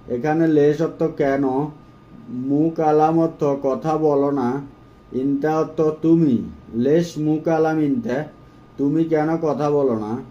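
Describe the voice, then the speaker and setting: A man giving a phrase-by-phrase language lesson, saying each phrase and then repeating it slowly and carefully. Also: a little high, dark tone, muffled recording. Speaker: language teacher.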